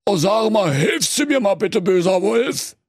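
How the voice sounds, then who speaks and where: A man's voice: high voice, expressive, unhurried, no room sound, studio quality, voice pushed up, full character voice. A man voicing a bumbling male bear who blusters and stammers. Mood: blustering. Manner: sheepish, flustered, blustering. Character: big bumbling male bear posing as Ruprecht.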